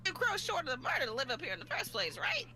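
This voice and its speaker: A woman's voice: sits high, very animated, fast, sharp tone, a little hiss or hum, pitched above the performer's own voice, full character voice. A woman putting on a teasing old mountain granny. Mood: cryptic. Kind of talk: live reading of game dialogue.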